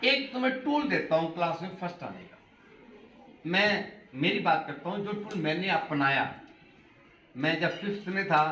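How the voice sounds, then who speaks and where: A high, bright-voiced middle-aged man talks to a room full of students, his pitch swinging widely as he quizzes them. He is heard from some distance in an echoey hall, with faint noise underneath. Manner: animated, asks the class questions, mixes in English phrases. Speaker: motivational speaker addressing students. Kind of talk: classroom talk to schoolchildren.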